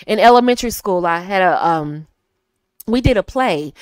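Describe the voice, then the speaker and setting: Woman, casual coaching talk, addresses ladies, direct, animated pitch swings, dry recording. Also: clear, resonant tone, no room sound. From United States. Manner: chatty, direct, frequently addresses listeners as ladies. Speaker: femininity coach. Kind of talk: casual advice talk to women.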